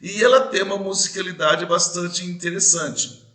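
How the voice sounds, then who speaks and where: A man teaching a poetry lesson, talking straight to the viewer, checking that they follow, and reading verses slowly with the stressed syllables marked. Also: sits high, fairly even intonation, bright, forceful tone, reverberant. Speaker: literature teacher.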